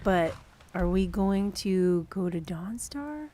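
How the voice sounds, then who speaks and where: Woman, game streamer, unhurried, casual, laughs often, talks to chat. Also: medium pitch, expressive, dark tone. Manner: chatty, laughing, thinking aloud. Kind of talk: casual gameplay commentary to chat.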